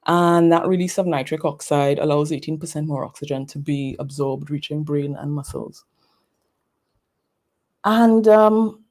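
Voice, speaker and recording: A woman's voice: lowish voice, darkish tone. A woman giving an online presentation on breathing, chatty, with playful asides and many fillers, speaking over a video call.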